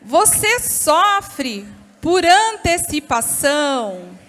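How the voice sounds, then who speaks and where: High-voiced Brazilian woman preaching in a reverberant hall. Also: extremely slow. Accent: Brazilian Portuguese. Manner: lively, expressive storytelling, addresses the audience directly. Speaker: speaker at a church women's event. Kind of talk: storytelling church talk. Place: church hall. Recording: long reverb of a church hall.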